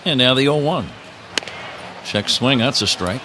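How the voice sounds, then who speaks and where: An American man does live radio play-by-play of a baseball game from the booth at a ballpark, his mid-range voice lively in intonation and a little slow. The live broadcast is noisy, with clear outdoor stadium sound around him.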